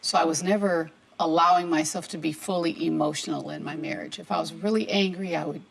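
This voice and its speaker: Middle-aged woman guest, low gravelly voice, animated storyteller voicing every part. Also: a little fast, rough recording. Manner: animated storyteller acting out dialogue. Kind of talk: personal testimony in a talk show chat. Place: tv studio.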